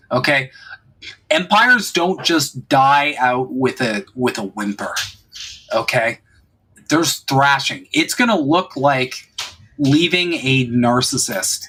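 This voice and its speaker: A man with a husky, slightly breathy voice talks politics on a podcast. He speaks casually, swears freely and leans hard on his points. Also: medium pitch, animated, takes it slowly, bright, forceful tone. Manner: profane, emphatic, opinionated. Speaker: podcast host.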